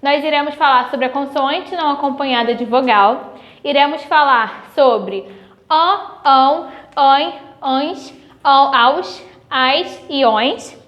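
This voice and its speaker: A woman teacher with a Brazilian accent giving a recorded grade-school lesson, patiently spelling out sounds slowly. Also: sits high, fairly bright tone. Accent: Brazilian Portuguese.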